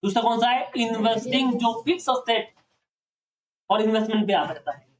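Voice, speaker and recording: Recorded from a distance, a man with a very high voice teaches accounting to a classroom. He regularly pauses to ask students questions and check their understanding.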